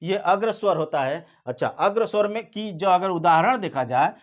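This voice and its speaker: A man teaching an exam-prep lesson, explaining slowly and repeating points, drawing out vowel sounds to demonstrate them. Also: high-pitched, expressive. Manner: slow, repetitive explaining, drawn-out vowel demonstrations.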